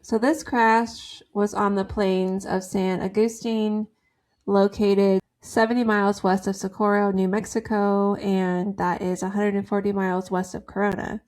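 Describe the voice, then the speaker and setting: A woman's voice: mid-range voice, flat delivery, measured pace, a little mellow. A woman co-hosting a podcast, chatting casually and telling stories in a rambling, giggly way. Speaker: podcast co-host. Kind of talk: casual chat.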